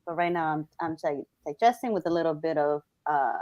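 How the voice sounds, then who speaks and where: A woman's voice: low voice, fairly quick, a little mellow, lo-fi sound. A woman from Colombia hosting a casual live-stream interview, chatty and upbeat, often restarting her sentences. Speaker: host.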